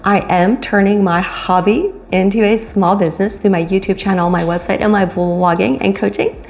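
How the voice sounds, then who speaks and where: Indoors in a room at home, a woman in her fifties who works as a retirement vlogger and coach chats casually to camera in a medium-pitched voice. She's animated, swinging between quick asides and slow, stressed phrases.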